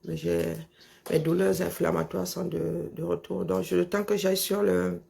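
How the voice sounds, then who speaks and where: A woman with a lisp that makes her s sounds slushy, chatting casually and haltingly, often repeating words as she thinks. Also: on the low side, level tone, dark tone. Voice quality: husky, creaky voice. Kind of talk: casual chat, talking to herself and on a phone call.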